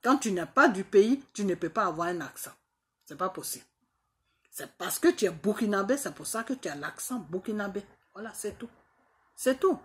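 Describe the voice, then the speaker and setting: A woman's voice: mid-range voice, animated, a little fast. A woman from Côte d'Ivoire, delivering an indignant, mocking political rant to camera, full of repetitions. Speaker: political commentator.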